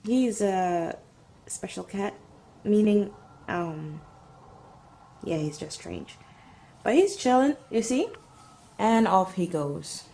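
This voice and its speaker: A young woman vlogs to her handheld camera or phone, talking frankly and now and then slipping into French, first at home and then outdoors. Her mid-range voice is warm, gravelly and expressive, heavy from the morning, moving slowly with frequent pauses.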